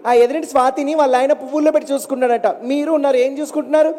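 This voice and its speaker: A shrill, sulky wife who nags her husband, as a male comedian puts her on. The voice sits very high and comes fast, with a dark, mellow tone. It rings with the long reverb of an amplified stage. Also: fairly even intonation. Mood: complaining. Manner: shrill, complaining and wheedling. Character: nagging, sulky young wife, woman.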